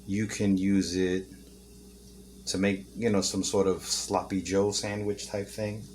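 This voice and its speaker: A man with a fairly low voice talks his way through a home cooking demonstration in an easygoing, joking manner. He is recorded on a camera mic in his kitchen, with faint clinking of dishes and pans behind him. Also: flat delivery, measured pace, darkish tone, a little hiss or hum. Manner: chatty, joking, talks while eating. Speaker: home cooking video host. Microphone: camera mic, no camera operator.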